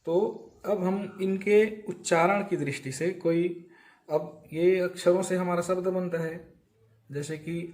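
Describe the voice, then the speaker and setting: Slow, emphatic male grammar teacher. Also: a little high, a little mellow. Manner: explains step by step, asks and answers his own questions. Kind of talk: classroom grammar lesson.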